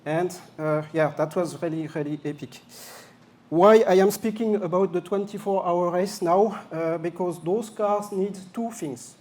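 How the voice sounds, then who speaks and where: A Frenchman with a French accent presents a product at a live launch event at a venue, cracking some jokes and using hesitant fillers. His voice is high-pitched, unhurried and a little mellow.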